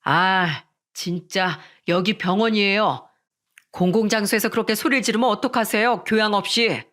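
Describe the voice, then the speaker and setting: A woman's voice: medium pitch, lively intonation, moderate pace, a bit bright, natural voice. A woman voicing an arrogant, sneering male surgeon who belittles his sick wife in a dramatized story. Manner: sneering, condescending.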